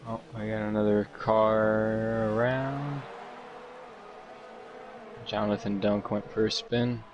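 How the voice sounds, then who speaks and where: A man's voice: on the low side, little pitch movement, slow, muffled recording, background noise. A man giving casual live motorsport commentary as the second voice on an online race.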